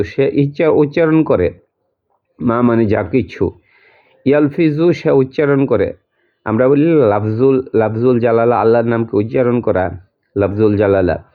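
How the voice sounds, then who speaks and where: Male teacher, mid-pitched, methodical word-by-word lesson, tinny lo-fi recording. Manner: repeats each word and its meaning slowly, step by step. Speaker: Quran translation teacher. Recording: tinny phone-like audio.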